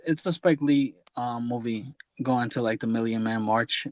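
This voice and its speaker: A man on a podcast in casual chat, telling a story in a rambling, halting way. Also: medium pitch, no echo. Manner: rambling, halting, many fillers and restarts.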